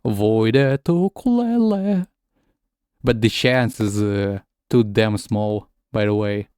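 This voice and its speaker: With a lowish, expressive, slightly mellow voice, a Russian-native man talks slowly during a casual gaming stream, often stumbling, repeating himself, and alternating English with Russian. The tone is clean and the studio-quality audio has no echo.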